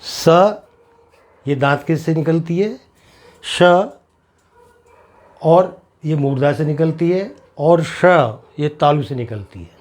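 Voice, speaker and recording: A man's voice: a little high, warm tone. A man teaching a lesson on the sounds of the alphabet, sounding out syllables one by one and explaining patiently. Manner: slow, deliberate, repeats syllables to demonstrate sounds; explains patiently, asks students if it is clear. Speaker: Hindi teacher. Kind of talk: classroom lesson on pronunciation.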